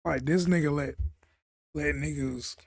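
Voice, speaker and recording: A man's voice: a little high, measured pace, gravelly, slightly rough, dry recording. Slangy male reactor, dry close sound. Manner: blunt, slangy, excitable. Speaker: video reactor. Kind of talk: casual reaction commentary.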